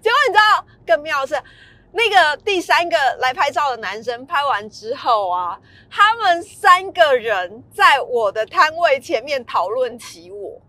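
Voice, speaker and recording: A woman's voice: high-pitched, sing-song, measured pace, bright, forceful tone, no echo. A woman, casually telling a story in a vlog, laughing often and acting out the lines she quotes.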